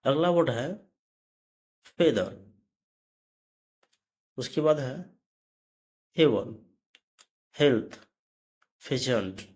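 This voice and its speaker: A man's voice: medium pitch, animated, extremely slow, long pauses, a little mellow. A man teaching English pronunciation, spelling words out letter by letter and then saying them, correcting himself now and then. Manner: corrects himself mid-lesson. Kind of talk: slow explanatory lesson.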